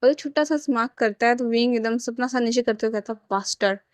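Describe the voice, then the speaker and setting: A woman's voice: fairly high pitch, steady tone, fast, dry recording. A woman casually retelling a romance fan story, talking plainly and often restarting her sentences.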